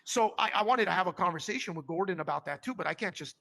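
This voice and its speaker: A man, a company co-founder, telling a story in a casual interview, animated and full of fillers. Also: high voice, fast, gravelly. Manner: animated, acts out quoted voices, lots of fillers.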